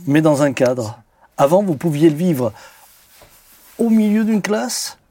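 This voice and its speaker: A man speaking as a guest in a studio discussion, halting and repeating words as he searches for them. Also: fairly high pitch, expressive, dark tone. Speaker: panel guest.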